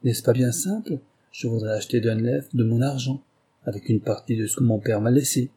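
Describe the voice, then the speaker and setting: A man's voice: mid-range voice, brisk, dark tone, slightly rough. A man voicing a timid young wife who asks her husband for something in an earnest, hesitant way. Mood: pleading.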